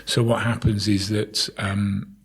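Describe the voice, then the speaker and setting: A man's voice: lowish voice, flat delivery, slow pace, slightly rough. A middle-aged man, a town crier being interviewed, telling anecdotes in a casual, chatty way and often repeating words as he goes.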